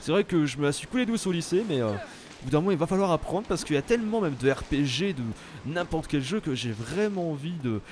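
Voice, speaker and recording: A young French man giving casual, animated commentary while playing a video game, exclaiming at the action. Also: fairly high pitch, quick pace, slight background noise. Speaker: let's play host.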